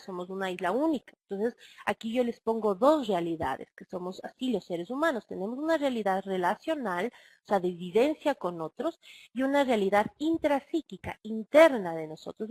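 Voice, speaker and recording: A woman's voice: fairly high pitch, dry recording. A woman with an Ecuadorian Spanish accent giving a recorded online lecture on family counseling, explaining and addressing listeners with rhetorical questions. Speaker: webinar speaker on family counseling.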